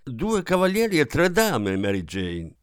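A man's voice: medium pitch, wildly swooping pitch, unhurried, clean tone, dry recording, clean studio sound. A man voicing a bossy older aunt. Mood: commanding.

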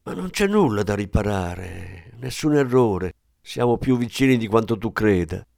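A tender, pleading ghost of a young woman, as a man reads her, speaking softly and gently. The voice sits a little higher than the reader's own low tone. The sound is dry and close, with no room around it. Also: lively intonation, unhurried, gravelly, dry recording.

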